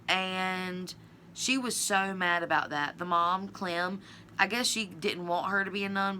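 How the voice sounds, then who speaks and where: A woman with a bright, forceful tone tells a dark story at an unhurried pace. Her delivery is loose and chatty, padded with fillers, and she swears bluntly now and then. Her voice sits a little low for a woman. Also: slight background noise. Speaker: video creator. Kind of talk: casual true-crime storytelling.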